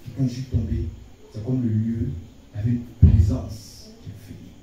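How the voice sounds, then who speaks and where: A man giving a church testimony, telling it in an animated way with many repetitions and stammers. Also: medium pitch, moderate pace, faint music behind. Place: church hall. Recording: echoey church hall mic from a distance.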